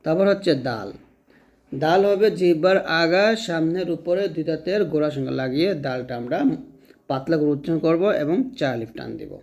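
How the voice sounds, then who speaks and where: A patient male teacher with a slightly high voice. He talks through how each sound is made, step by step. He says every sound again, slowly and clearly. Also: a little mellow, dull audio. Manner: patient, repeats each letter slowly for learners to follow. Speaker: Quran recitation teacher. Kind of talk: step-by-step pronunciation lesson.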